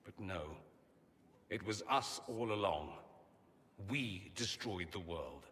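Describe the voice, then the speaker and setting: A man's voice: low voice, expressive, takes it slowly, fairly bright tone, big-room sound, full character voice. An actor playing a witty, self-assured male mage from a foreign empire, theatrical in manner, in video game dialogue. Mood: brooding.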